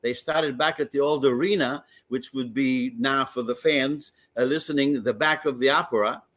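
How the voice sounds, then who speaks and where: This older man from Greece, a wrestling commissioner, speaks at medium pitch with a steady, fairly bright tone and moderate pace. As an eager guest in a casual sports talk radio interview, he tells stories that often start over.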